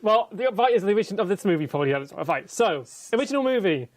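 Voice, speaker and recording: A man's voice: sits high, big pitch swings, fast talker, no room sound. A man co-hosting a casual podcast, explaining in loose, restarting recaps. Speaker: podcast co-host and judge. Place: indoor room, seen on camera.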